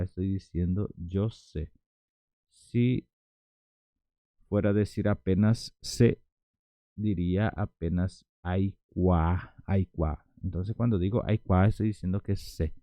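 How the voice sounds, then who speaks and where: A man teaching words in a lesson, repeating each one slowly and patiently and stretching the pronunciation. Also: deep voice, no room sound, highs cut off. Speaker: Guarani language teacher. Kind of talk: slow repetitive language lesson.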